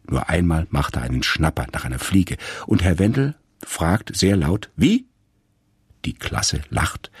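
A man reading a radio story aloud in a calm, measured storytelling manner. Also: extremely low pitch, vocal fry, husky, no echo. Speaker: narrator.

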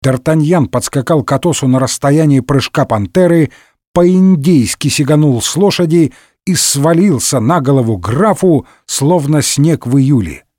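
A man narrating a comic parody story with wry, lively storytelling. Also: on the high side, moderate pace, dry recording, clean studio sound.

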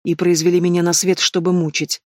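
Guy doing a young noble girl in a storybook, high, defiant, close dry sound. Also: little pitch movement, brisk, no echo, lightly acted. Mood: shocked. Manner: pleading, emotional outbursts.

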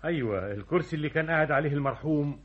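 A man's voice: on the high side, expressive, rapid-fire, dull audio, natural voice. A man playing a boastful, imperious new company director with an Egyptian accent, brusque and self-important, in an old radio comedy-drama. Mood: smug, boastful.

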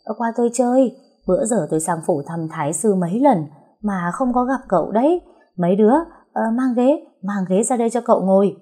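A pompous old-style district official, played by a woman narrator, blustering at commoners and fawning over his betters. Her voice stays warm and husky under the bluster, pitched a little up. Storybook reading. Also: brisk, lightly acted. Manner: swaggering, then obsequious. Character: arrogant, fawning male district mandarin.

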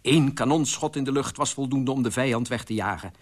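A man reading a fairy tale aloud on radio with lively, expressive storytelling. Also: mid-range voice, a little fast.

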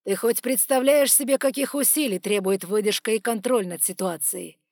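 A woman voicing a stern, furious male dragon bodyguard in an audiobook, speaking loud and clipped through gritted teeth. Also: medium pitch, measured pace, husky, no room sound, studio quality. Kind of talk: audiobook character voice.

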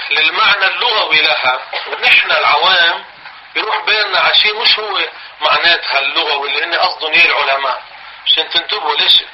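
Levantine-accented male religious teacher, fairly high voice, patient and repetitive, on a dull old tape. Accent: Levantine Arabic. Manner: explains slowly, repeats phrases, dictates for notes. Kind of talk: classroom religious lesson. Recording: dull lo-fi recording, faint hiss.

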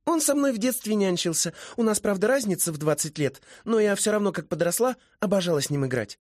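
A man playing a giggly young woman in an audiobook, friendly and bubbly, speaking high with a lot of movement in pitch. The recording is dry and close. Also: expressive, fast, darkish tone, dry recording. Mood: fond.

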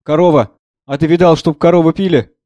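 Gruff, blustering old general-doctor in a read play, sharp mocking jabs, voiced by a man, on the high side, dry close sound. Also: fairly even intonation, fairly quick, dry recording, natural voice. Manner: blustering, mocking, shouts out bursts. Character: gruff, sardonic older male doctor, a general.

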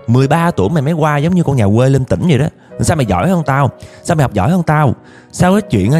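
A man's voice: mid-range voice, a little mellow, pitched above the performer's own voice, close to an everyday voice. A man voicing a jealous, spiteful young woman who rants accusingly at her friend. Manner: bitter, accusing rant.

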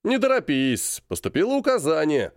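A man's voice: fairly high pitch, wildly swooping pitch, moderate pace, no room sound, clean studio sound, pitched above the performer's own voice. A man voicing a jovial, scheming middle-aged colonel who banters and stretches words for emphasis. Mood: bantering.

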